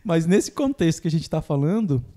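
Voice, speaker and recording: A man's voice: sing-song, fairly quick, dark tone. A man hosting a podcast, explaining therapy ideas in a casual chat and acting out clients' lines. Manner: acts out clients' lines in a higher voice, laughs easily. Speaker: podcast host, phobia therapist.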